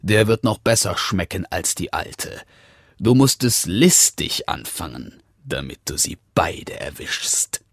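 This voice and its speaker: A sly storybook wolf, put on by a man reading aloud, coaxing and wheedling as he lures his prey. The voice swoops through a wide, lively pitch range and unhurried phrasing, recorded dry and close. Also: gravelly, dry recording, heavily acted. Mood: sly whisper. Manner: wheedling, coaxing, sometimes hushed whisper. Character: sly scheming male wolf, storybook predator.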